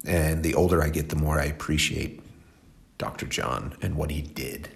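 A man's voice: rumbling low, steady tone, normal speed, gravelly. A man in his forties hosting a music show, rambling and talkative, a bit stuffed up and tired. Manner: rambling, talkative, self-deprecating. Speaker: radio show host. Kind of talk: casual chatty show talk.

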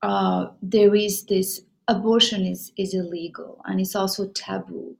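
A woman from Morocco answers questions in an interview at a slow, unhurried pace. She often stops to search for words, filling the gaps with ums and restarting her sentences. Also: mid-range voice, level tone, creaky, darkish tone, rough recording. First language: Moroccan Arabic or French. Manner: hesitant, many fillers and restarts. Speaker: filmmaker guest.

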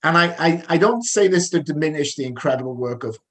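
A man's voice: fairly high pitch, animated, fairly quick, fairly bright tone. Chatty man with a South Wales Valleys accent. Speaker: co-host. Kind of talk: casual news discussion.

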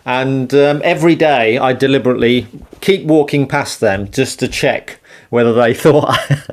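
A man's voice: mid-range voice, normal speed. A man chatting casually in an interview, rambling through anecdotes in a self-mocking way and laughing often. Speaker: interviewed performer and pianist. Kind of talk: casual podcast chat.

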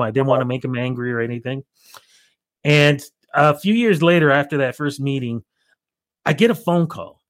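With no echo and clean studio sound, a medium-pitched middle-aged Canadian man tells stories in a casual interview. A radio reporter by trade, he's an animated storyteller who voices both sides of phone calls he remembers.

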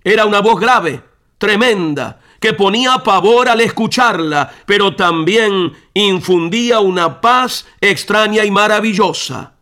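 A man's voice: high voice, a little slow, pushed and bright. A male radio preacher telling a story and then speaking directly and earnestly to the listener in a devotional sermon.

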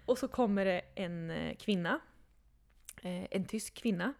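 A woman's voice: mid-range voice, vocal fry. Young woman telling a story animatedly. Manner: animated, acts out quotes, laughs often. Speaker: podcast guest telling her story. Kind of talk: casual storytelling.

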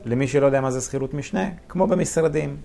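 Gravelly-voiced man telling lively stories. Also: mid-range voice, slight background noise. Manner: animated, laughing storyteller acting out dialogue. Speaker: real estate investor guest. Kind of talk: casual storytelling interview.

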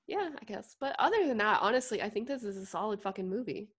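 A woman's voice: mid-range voice, fast talker, husky. A young woman co-hosting a podcast in casual chat, giggly and full of "like". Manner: giggly, animated, lots of "like". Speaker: podcast co-host.

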